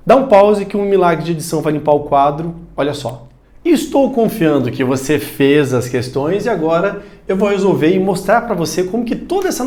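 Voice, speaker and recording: A man with a Brazilian Portuguese accent teaching a recorded video lesson, talking straight to the viewer and loudly calling out example words. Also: sits high. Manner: animated, addresses viewer directly, shouts example words.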